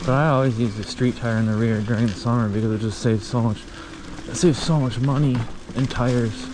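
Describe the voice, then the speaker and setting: A man out of breath and breathing heavily, giving casual, halting commentary while riding an electric bike outdoors. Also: mid-range voice, fairly even intonation. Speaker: e-bike rider filming a test ride. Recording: loud motor buzz and outdoor noise.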